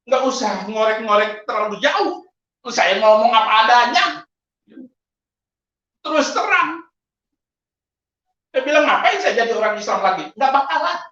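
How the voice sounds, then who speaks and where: Male pastor, testimony sermon; animated, laughing storyteller with sudden high outbursts; distant, muffled, very echoey recording. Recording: echoey, distant, lo-fi hall sound.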